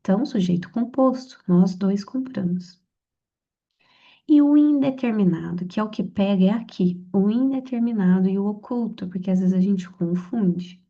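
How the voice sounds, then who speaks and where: Mellow-voiced woman tutoring casually. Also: mid-range voice, normal speed. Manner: conversational, frequent "tá?" and "então". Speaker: exam prep tutor. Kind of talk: casual spoken lesson. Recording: slightly dull lo-fi audio.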